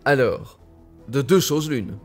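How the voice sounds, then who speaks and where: Male storyteller for a children's tale, unhurried and very animated, over faint background music. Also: medium pitch. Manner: expressive, deliberate storytelling. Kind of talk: reading a children's tale aloud.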